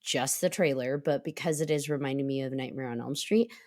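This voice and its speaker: A woman's voice: extremely low pitch, brisk, a little mellow. A woman from Texas hosting a podcast, chatting casually and laughing often. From United States, Texas. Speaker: podcast host.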